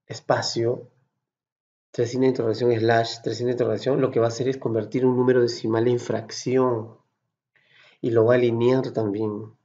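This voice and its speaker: A man from Peru with a Peruvian accent, patiently explaining a software tutorial step by step and checking in with his students. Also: medium pitch, flat delivery, normal speed, dull audio. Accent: Peruvian Spanish. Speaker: Excel course instructor. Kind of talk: screen-recorded software tutorial.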